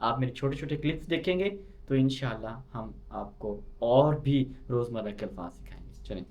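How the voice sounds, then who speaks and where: A man's voice: medium pitch, normal speed, a little mellow, dull audio. A man from Pakistan, teaching a beginner language lesson and repeating each point, often asking a question and then answering it. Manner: repeats key points and asks himself questions. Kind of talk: slow explanatory lesson.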